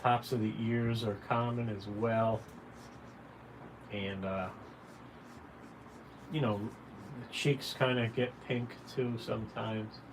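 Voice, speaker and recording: This caricature artist hosts a drawing livestream, his mid-range voice slow and fairly even, with frequent pauses. He gives a folksy, relaxed tutorial, addressing viewers directly and cheering them on. The background carries clear room noise.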